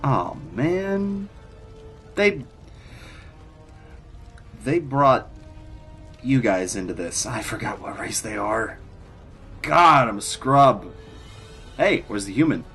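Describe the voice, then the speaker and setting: A man's voice: medium pitch, big pitch swings, slow pace, long pauses, a bit bright, faint music behind. A man giving casual gameplay commentary, sarcastic and grumbling as he talks back to the characters. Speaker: gamer doing a playthrough.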